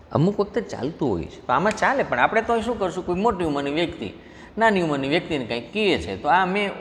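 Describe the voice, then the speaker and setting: Male teacher with a Gujarati accent, slightly high and animated, patient step-by-step explainer, recorded in a reverberant hall. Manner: explains step by step, reads example sentences slowly, asks the class questions. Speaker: English grammar teacher. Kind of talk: classroom lecture mixing Gujarati and English. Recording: faint noise, long hall reverb.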